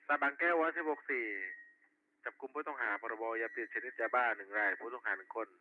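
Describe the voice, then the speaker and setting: A police radio dispatcher, a man with a mid-range voice and lively intonation, reads back reports quickly in clipped, formulaic roll-call style. It's heard through a tinny, narrowband walkie-talkie with two-way radio effect and faint noise.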